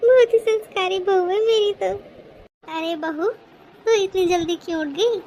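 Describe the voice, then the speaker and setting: A woman's voice: very high voice, a little slow, warm tone, lo-fi sound, a little hiss or hum. A woman voicing a fussy cartoon mother-in-law. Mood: doting. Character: doting mother-in-law, quick to take sides. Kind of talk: cartoon voice acting.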